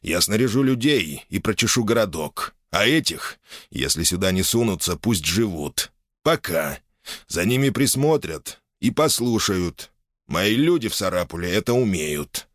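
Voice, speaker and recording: A man's voice: lowish voice, sing-song, unhurried, a bit bright, no echo, clean studio sound. A man voicing an eager, restless young nobleman reporting to his father. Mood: businesslike. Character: young restless boyar's son, eager subordinate.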